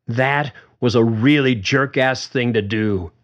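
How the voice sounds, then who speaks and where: A man's voice: medium pitch, takes it slowly, lo-fi sound, voice pushed up, natural voice. A man voicing an angry young woman who talks in a firm, clipped, seething way.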